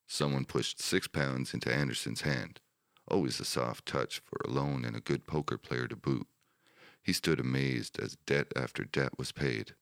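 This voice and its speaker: A man narrating a wartime history audiobook in a steady, measured manner. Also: extremely low pitch, vocal fry, clear, resonant tone, dry recording, studio quality.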